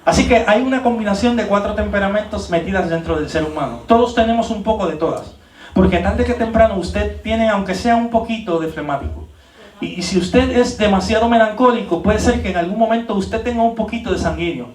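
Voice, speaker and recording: A man preaching at a leadership training in a church hall, animated, with many rhetorical questions and repeated words. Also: high-pitched, brisk, recorded from a distance. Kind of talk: church teaching talk.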